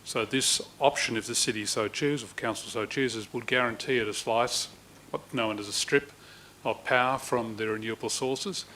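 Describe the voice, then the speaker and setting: A man's voice: mid-range voice, moderate pace, pushed and bright, a little hiss or hum, rough recording. A man, a council chief executive, giving formal explanatory answers at a meeting.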